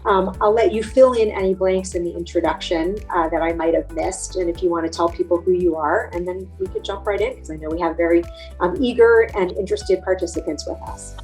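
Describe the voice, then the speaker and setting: A woman's voice: fairly low pitch, steady tone, a little fast, darkish tone, faint music behind. A woman hosting an online program, introducing her guest loosely with many fillers over a video call. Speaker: program host.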